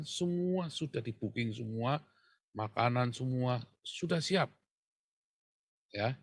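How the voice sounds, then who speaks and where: A man, a pastor telling stories in a conversational sermon that swings from quiet asides to loud emphasis. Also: medium pitch, breathy edge, dry recording.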